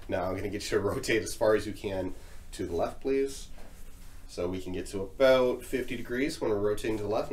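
Low-voiced male chiropractor explaining an exam. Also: a little mellow. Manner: clinical, explanatory. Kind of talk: hands-on exam with explanations to camera. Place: small indoor treatment room. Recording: noisy room ambience.

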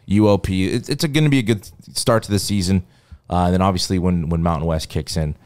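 A man co-hosting a casual sports podcast, telling stories with excitement, swearing and laughing at himself. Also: low-pitched, fast. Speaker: podcast co-host.

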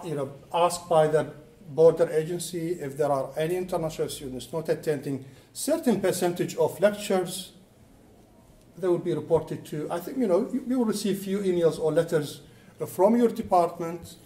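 A man's voice: a little high, warm tone. A man speaking on a university panel, earnest and hesitant, with fillers and restarts. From Iraq. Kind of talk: panel discussion answers. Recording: echoey room, faint background noise.

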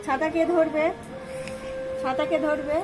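A woman's voice: sits high, level tone, unhurried. A young mother chatting casually to her viewers at home, cooing to her child. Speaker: mother and vlogger. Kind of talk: casual home vlog chat. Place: apartment home during rain. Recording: music playing under the voice.

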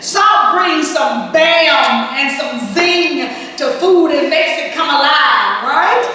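A woman pastor preaching a sermon, slow and emphatic, calling out "Amen?" to the congregation. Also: high-pitched, animated, pushed and bright. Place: church sanctuary. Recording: echoey church sanctuary from far off with faint hum.

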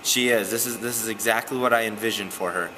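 Low-voiced young man coaching, earnest. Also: fast, background noise. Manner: earnest, steady, frequent "um" fillers. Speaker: softball coach. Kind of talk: postgame interview. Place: gym, indoors.

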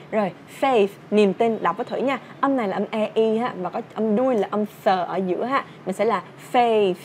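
A woman's voice: mid-range voice, a little hiss or hum. A young woman with a Vietnamese accent teaching English through a song, explaining words and drilling pronunciation.

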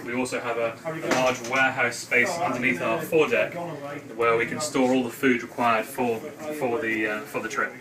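A middle-aged man giving a guided tour in a calm, explanatory manner, like a museum guide. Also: medium pitch, normal speed. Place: on board a boat, deck and cabins. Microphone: handheld camera a few feet away. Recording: distant mic, loud background chatter. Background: crowd chatter.

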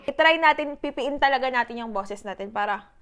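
Playful high-voiced Filipino woman vlogger. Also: brisk, fairly bright tone, soft background music. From Philippines. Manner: chatty, playful, self-deprecating. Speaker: YouTuber. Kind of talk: casual vlog talk, Taglish.

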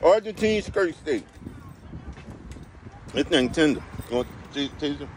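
Man, chewing while talking, excited food vlogger, high-ish animated voice, faint outdoor noise. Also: a little slow. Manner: excited, exclaiming, slangy. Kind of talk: casual food review. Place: outdoor market.

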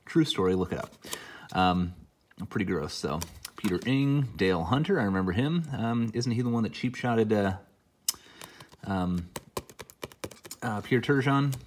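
Mildly sick, this middle-aged host opens hockey card packs at an indoor table, a hobby display at his back. His fairly low voice has lively intonation and a measured pace, pausing often, and he rambles with dry asides as he names the cards. A little hiss or hum sits under the recording.

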